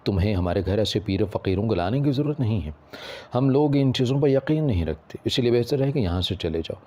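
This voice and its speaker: A man's voice: on the low side, animated, brisk, darkish tone. A man reading the lines of a stern, scheming middle-aged aunt who curtly tells a relative to leave. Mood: dismissive. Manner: curt and dismissive.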